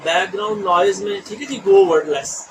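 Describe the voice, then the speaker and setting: A man giving an online training lecture in a chatty way, often checking in with his listeners and mixing in English phrases. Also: high voice. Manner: chatty, mixes English phrases, frequent "theek hai ji" checks. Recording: distant mic with noisy room ambience.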